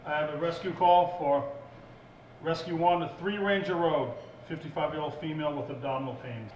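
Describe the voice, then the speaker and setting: A male emergency dispatcher speaks over ambulance radio with formal, clipped phrasing. His fairly high voice sounds distant and echoey over the two-way link, with some faint noise. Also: moderate pace, lo-fi sound.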